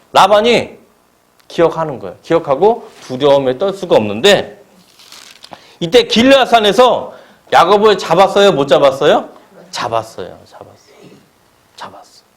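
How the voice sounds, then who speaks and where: Male preacher, fairly high and very animated voice, quizzes the congregation as he preaches. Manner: asks the congregation question-and-answer pairs. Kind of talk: sermon. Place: church service.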